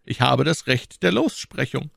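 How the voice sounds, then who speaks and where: A man's voice: medium pitch, very animated, normal speed, creaky, a bit bright, slightly rough, no room sound, studio quality, voice pushed up, exaggerated voice. A man reading an audiobook, voicing a scheming older male cardinal in a raised, lilting, coaxing voice. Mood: probing. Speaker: audiobook reader.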